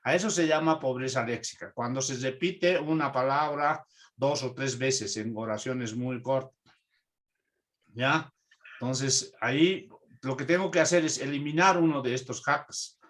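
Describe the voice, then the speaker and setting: A man's voice: mid-range voice, a little slow, fairly bright tone. Man teaching, asks "¿ya?" often. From Peru. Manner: explanatory, checks in with frequent "¿ya?". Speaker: translation teacher. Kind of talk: online class lecture.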